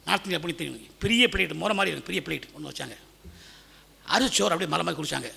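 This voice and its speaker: A man preaching a sermon in a Tamil accent, telling a story and swinging from loud pleading to hushed tones. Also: on the high side, expressive, very fast, creaky, slightly rough.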